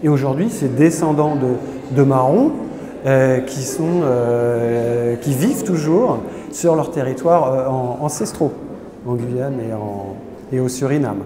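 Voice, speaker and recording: A man's voice: medium pitch, takes it slowly. A man explaining history at an exhibition, hesitant, with many filler sounds and restarts. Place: indoor exhibition gallery. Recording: echoey hall with crowd behind.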